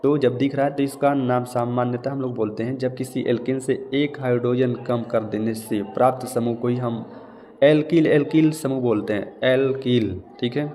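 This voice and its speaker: A male chemistry teacher lecturing at an ordinary pitch, his voice mellow and dark. He explains each step and keeps checking that students follow. The recording has a long reverb and faint room noise behind it. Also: fairly even intonation, normal speed. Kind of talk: classroom lecture.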